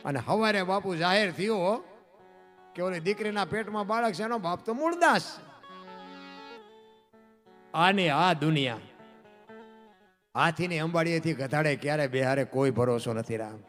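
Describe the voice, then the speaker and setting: Male folk storyteller, high pitch, emotive devotional delivery, light music under the voice. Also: lively intonation, a little slow, pauses often, a bit bright. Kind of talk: Gujarati dayro devotional storytelling. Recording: faint music behind the voice.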